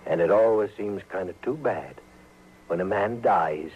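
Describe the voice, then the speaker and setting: Clegg Rawlins, sly drawling crooked sheriff. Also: male voice, low-pitched, measured pace. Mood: veiled menace. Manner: folksy, slyly threatening. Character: corrupt, smooth-talking, menacing frontier sheriff. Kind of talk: old-time radio western acting. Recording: dull, hissy old radio recording.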